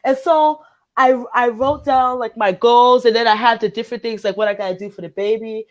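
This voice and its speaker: Speaking briskly with fairly even intonation, a Liberian-accented woman with a somewhat high voice hosts a motivational group chat. She is earnest, emphasizing and repeating her main phrases, and the recording sounds close and dry.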